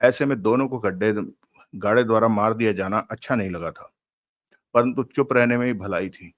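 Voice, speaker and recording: Low-voiced male audiobook narrator. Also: normal speed, dry recording. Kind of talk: audiobook narration of a crime novel.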